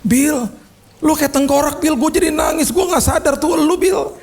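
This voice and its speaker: A man acting out a shocked, tearful male friend, his voice shrill and exclaiming. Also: normal speed, darkish tone, soft background music.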